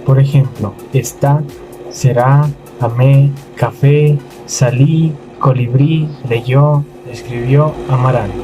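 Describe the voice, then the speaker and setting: A young man reads his part of a student presentation at a very slow pace, naming examples one after another. Clear music plays underneath his voice. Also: medium pitch, rough recording. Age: young adult. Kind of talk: reading a class presentation.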